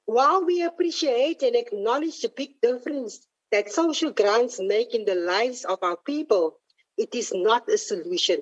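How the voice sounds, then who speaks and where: A woman's voice: fairly high pitch, breathy edge, dull audio. A South African woman delivering a formal, emphatic political speech in parliament, with repeated declarative demands. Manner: emphatic, declarative, repetitive slogans. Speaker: member of parliament giving a speech.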